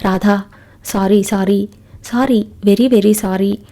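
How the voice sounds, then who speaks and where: Playful young doctor guy, read by a woman, mellow flat tone, storybook. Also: medium pitch, takes it slowly. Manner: playful, apologetic. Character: Krishna, young doctor husband, warm and playful.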